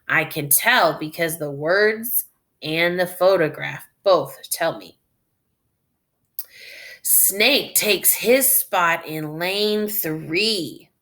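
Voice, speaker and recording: A woman of medium pitch reads a story aloud for children, acting as their teacher. She reflects aloud and walks the young listeners through it in a measured, instructive manner.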